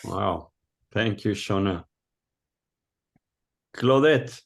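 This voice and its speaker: A man's voice: on the low side, drawn-out words, vocal fry. A man hosting an online meeting, calling on people one by one in a friendly way. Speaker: meeting host. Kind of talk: video call introductions.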